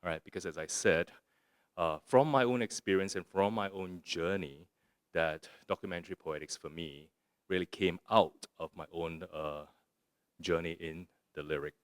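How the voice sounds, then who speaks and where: Low-voiced man giving a talk. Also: moderate pace, clear, resonant tone, no echo, clean studio sound. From Singapore. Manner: musing and conversational, asks the audience rhetorical "right?". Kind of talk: lecture with a poetry reading. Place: arts center lecture room.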